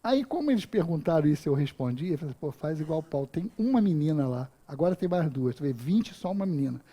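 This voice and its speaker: With a warm voice on the high side, a fifties-aged man speaks fast and animatedly at a spiritist center. His talk is casual and humorous, full of stories from his life, and he mimes his own actions as he tells them.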